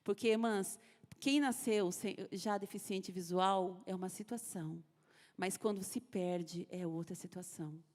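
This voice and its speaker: A woman's voice: mid-range voice, steady tone, a little slow, a little mellow. A Brazilian woman giving an earnest, emotional personal testimony at a women's church service, repeating phrases as she tells her story. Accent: Brazilian Portuguese. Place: church sanctuary. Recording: echoey church hall.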